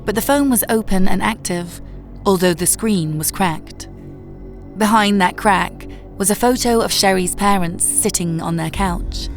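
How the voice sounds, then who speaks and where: A woman narrating a horror story in a measured, low-key way. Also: soft background music.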